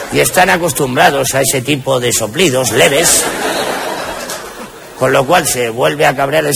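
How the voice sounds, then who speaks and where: A man's voice: mid-range voice, gravelly. A man with a Spanish accent doing crude, punchy stand-up comedy, recorded live with audience noise. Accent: Spain.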